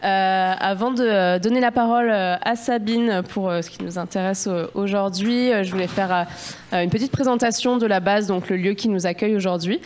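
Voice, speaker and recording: A woman hosting a venue, giving a halting welcome speech in a bar before a public debate. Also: medium pitch, darkish tone. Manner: halting, filler-heavy. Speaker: venue host.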